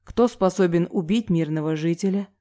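A woman voicing a young man hosting a party game in a slow, mysterious half-whisper. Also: lowish voice, warm tone, close to an everyday voice.

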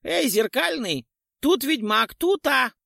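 A man voicing a boastful, half-rotten male ghoul in an audiobook, shrill and gleeful. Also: very animated, a little slow, gravelly, sharp tone, no echo, clean studio sound, full character voice. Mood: gloating. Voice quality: squeaky and shrill. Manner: gleeful, bragging, whining. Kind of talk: audiobook character voice.

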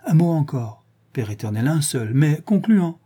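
A man's voice: fairly high pitch, big pitch swings, normal speed, warm tone, husky. A man reading the part of Raoul, a rival husband who speaks curtly and formally. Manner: curt and formal. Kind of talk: audiobook character reading.

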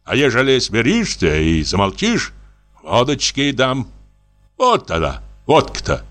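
A shabby, bullying barber barks threats and orders in a gruff voice, as a man reads him. The lines come blunt and menacing. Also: medium pitch, wildly swooping pitch, a little slow, a bit bright, soft background music.

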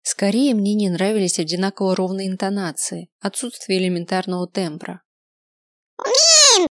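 A woman's voice: mid-range voice, fairly even intonation, fairly quick, a little mellow, no room sound, studio quality. Woman reading a first-person audiobook. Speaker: audiobook narrator.

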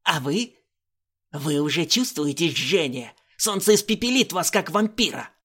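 A man reading an audiobook voices a frail, confused old male professor with a high, croaking voice. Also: expressive, unhurried, fairly bright tone, exaggerated voice. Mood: ominous.

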